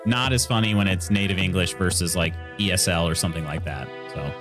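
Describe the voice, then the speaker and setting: A man's voice: sits low, steady tone, a little fast. Jokey Midwestern American man streaming, music behind. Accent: American Midwest with some Southern. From Indiana, US Midwest. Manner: jokey, rambling, reading viewer comments aloud. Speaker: live game streamer. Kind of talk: casual live gameplay chat.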